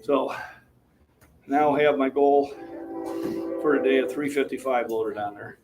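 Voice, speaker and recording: A man in his sixties hosts a gym livestream indoors, chatting casually with his live chat between lifts while he catches his breath. His mid-range voice is a little slow and slightly out of breath, heard over music from a distant mic with faint room noise.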